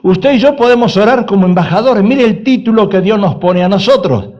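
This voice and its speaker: A male pastor with a notably high, darkish-toned voice preaches insistently and fairly quickly, hammering his points through repetition and posing rhetorical questions to his listeners. The recording sounds dull and lo-fi.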